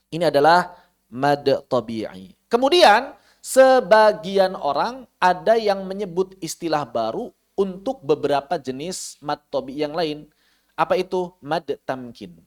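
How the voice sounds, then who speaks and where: A man with an Indonesian accent leads an online tajwid lesson in a slightly raised voice. He explains each rule patiently and slows right down to chant the Arabic examples. Now and then he puts a question to his students. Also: on the high side. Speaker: Quran recitation teacher. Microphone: online class microphone.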